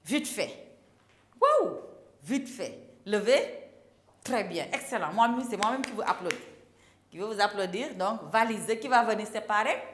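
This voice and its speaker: A woman's voice: mid-range voice, animated, moderate pace, a little hiss or hum. A woman teaching a primary class, drawing out and repeating words for young pupils. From Senegal. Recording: echoey classroom.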